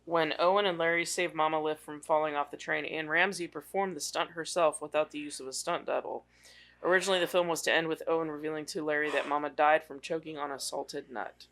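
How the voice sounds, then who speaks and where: A man's voice: on the high side, brisk. A man co-hosting a movie podcast, talking casually and at length, often restarting his sentences. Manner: talkative, trails off and restarts, animated. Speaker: podcast co-host.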